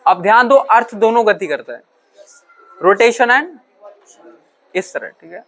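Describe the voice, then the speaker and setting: A male teacher with a high, animated, fairly bright voice lectures a classroom a little slowly. He asks questions and answers them himself, mixes English terms into his talk, and often checks whether the students understand.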